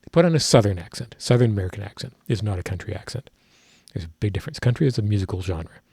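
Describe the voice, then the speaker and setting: A man's voice: lowish voice, animated, rapid-fire, warm tone, breathy edge, no echo, studio quality. A man who is a working musician, casually analyzing a song, rambling and technical, often correcting himself as he thinks aloud. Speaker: musician reacting to a music video.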